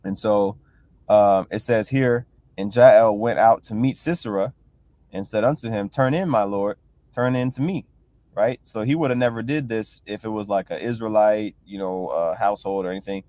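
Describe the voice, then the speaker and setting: A man's voice: lowish voice, moderate pace, darkish tone, dry recording. A man leading a casual bible class, reading verses aloud and retelling them loosely, with constant "you know" and "right?" check-ins. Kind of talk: casual scripture teaching.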